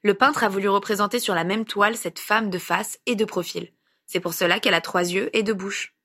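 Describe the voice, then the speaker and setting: A woman's voice: medium pitch, steady tone, fairly quick, a bit bright. Clever young woman explaining, matter-of-fact, read by a woman.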